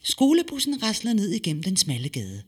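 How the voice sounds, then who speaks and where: A man reading a story aloud with lively, expressive delivery and dramatic pauses. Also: sits high, husky. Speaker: narrator.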